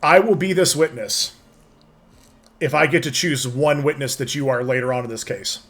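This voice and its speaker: A man's voice: mid-range voice, normal speed, fairly bright tone. A man chatting casually as he streams a game and reads its dialogue aloud. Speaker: streamer voicing game characters.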